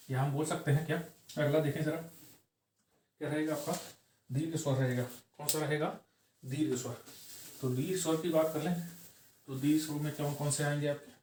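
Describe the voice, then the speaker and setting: A man teaching grammar for exam prep, posing questions and answering them himself, repeating key phrases slowly and tagging lines with "okay". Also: on the high side, darkish tone. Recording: echoey room, voice from far off the mic.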